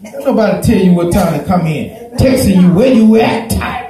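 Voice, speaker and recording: A middle-aged pastor preaching at a strikingly high pitch, shouting and chuckling through his lines. His handheld mic carries a heavy, booming echo in a small church, with the congregation calling back behind him. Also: expressive, moderate pace, a crowd in the background. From Houston, Texas. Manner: preaching with call-and-response, shouting and laughing. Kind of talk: sermon. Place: small church with curtain backdrop. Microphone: handheld microphone. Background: congregation responding.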